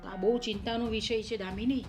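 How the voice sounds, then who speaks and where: A woman's voice: on the high side, fairly even intonation, brisk, natural voice. A woman playing a stern suspicious mother-in-law. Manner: accusing, insistent, lists sums and grievances. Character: stern middle-aged mother-in-law, suspicious of her son. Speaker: actor in a family drama. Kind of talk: short-film drama acting. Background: soft background music.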